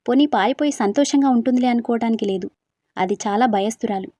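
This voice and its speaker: A woman's voice: a little high, fast, warm tone, dry recording, natural voice. A woman voicing a level-headed young woman who firmly warns her friend, in a storybook reading. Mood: firm, worried. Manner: firm, frank advice.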